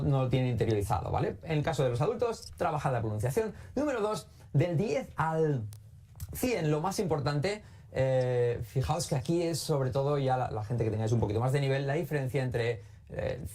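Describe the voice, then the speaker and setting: Dark-voiced man teaching English numbers. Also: medium pitch, expressive, normal speed. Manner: reads English numbers aloud and explains them in Spanish. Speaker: streamer learning English. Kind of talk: live-streamed study session.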